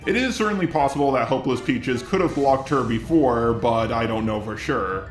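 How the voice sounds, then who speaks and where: A YouTube commentator reads scripted commentary in a measured, conciliatory way. His voice is at an average male pitch, with a roomy, echoing sound and faint music beneath it.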